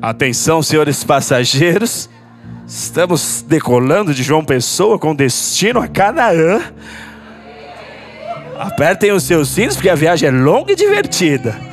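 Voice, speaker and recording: A man's voice: fairly high pitch, big pitch swings, a little slow, faint music behind, voice pushed down. A man putting on the voice of a male airline pilot making a formal cabin announcement, as a joking aside in a sermon. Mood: mock-formal. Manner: mock-formal announcer delivery.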